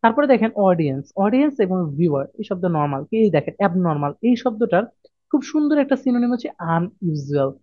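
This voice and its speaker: Fast-talking man teaching a lesson. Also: high-pitched, very animated, no room sound. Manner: repetitive, asks and answers his own questions. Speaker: IELTS vocabulary teacher. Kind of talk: explaining a lesson to students. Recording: dull, dry, lo-fi audio.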